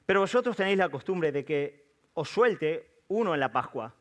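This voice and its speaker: An exasperated Roman governor, as a preacher reads his lines, his pitch lifted above the reader's own and his words pressed out with urgency. He speaks, questioning in a fairly high register. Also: lively intonation, normal speed, close to an everyday voice. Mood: pressing.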